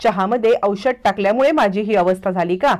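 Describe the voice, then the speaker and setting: A woman's voice: medium pitch, brisk, a little mellow, lightly acted. A woman voicing a sneering, scheming man from a television serial.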